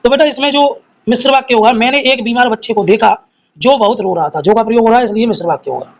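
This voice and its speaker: High-voiced man teaching grammar. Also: quick pace, rough recording. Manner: reads each question and options aloud, then explains the answer; addresses students fondly as children. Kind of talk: live exam-prep class solving quiz questions.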